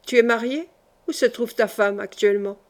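Kind stationmaster, ex-captain, male, gentle, reassuring, fairly high voice, read by a woman. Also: moderate pace, lightly acted. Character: kindly male stationmaster, former army captain.

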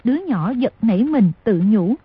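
Very husky woman narrating. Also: fairly high pitch, moderate pace. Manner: steady storytelling. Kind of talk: audiobook narration. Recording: dull lo-fi dry recording.

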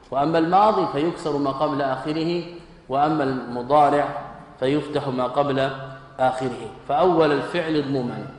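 Male sheikh teaching grammar, slightly high voice, quizzes the class and answers himself, echoey lecture hall. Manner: questions students and answers himself, repeats terms slowly. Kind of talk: classical Arabic grammar lesson. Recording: echoey hall, faint room noise.

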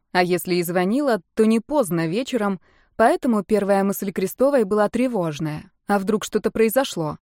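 A woman reading a novel aloud in measured, even scripted narration. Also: medium pitch, no echo, studio quality. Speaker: audiobook narrator.

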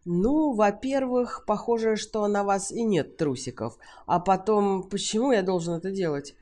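A woman's voice: medium pitch, moderate pace, mellow, natural voice. A woman voicing an awkward, prim man who answers stiffly and grows indignant and defensive, in an audiobook reading. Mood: dry.

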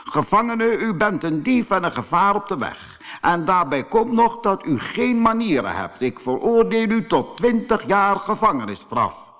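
A man's voice: high voice, sing-song, measured pace, a bit bright, in a large hall, voice pushed up, full character voice. A man playing a severe storybook judge. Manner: solemn, pronouncing. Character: severe male judge passing sentence.

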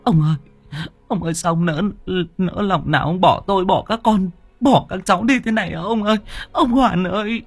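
A man's voice: high voice, moderate pace, breathy edge, faint music behind, voice pushed up. A man voicing an old village wife who wails in grief over her dead husband. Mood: wailing. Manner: wailing lament.

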